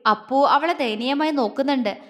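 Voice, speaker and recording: High-voiced woman storyteller. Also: moderate pace, fairly bright tone, long reverb tail. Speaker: narrator. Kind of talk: storytelling audio series, reading all parts.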